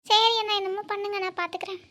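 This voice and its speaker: A woman's voice: very high-pitched, fairly even intonation, racing, a bit bright. A woman voicing a sulky young woman in a cartoon, giving grudging answers to her older brother. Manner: grudging, reluctant replies. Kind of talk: cartoon voice acting.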